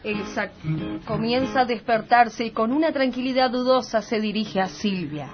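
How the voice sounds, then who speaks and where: A woman's voice: on the high side, moderate pace, lo-fi sound, over music. A woman giving scripted narration for a radio comedy.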